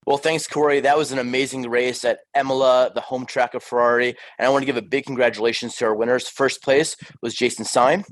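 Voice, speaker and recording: A man hosting a racing stream, interviewing the winners with upbeat, quick questions. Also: medium pitch, steady tone, no echo. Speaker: host interviewing race winners.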